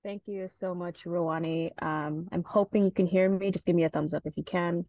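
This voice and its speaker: Her pitch sits fairly low and her tone stays steady as she moderates an online student panel at a moderate pace, mellow and with no room sound. She's informal, polite, and a bit self-deprecating. The video meeting audio is dull and muffled.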